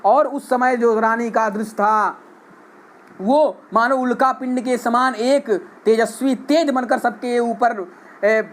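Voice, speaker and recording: A man's voice: extremely high pitch, fairly even intonation, takes it slowly. A man teaching a Hindi poetry lesson, reciting each verse and then explaining it line by line in plain speech.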